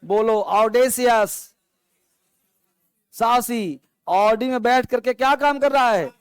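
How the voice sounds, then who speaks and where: A male teacher drilling a class on vocabulary, saying each word slowly and then giving its meaning, and calling students up to answer. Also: extremely high pitch, lively intonation, clean tone, no room sound. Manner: quizzes students, calling on them to stand. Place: classroom with an online stream.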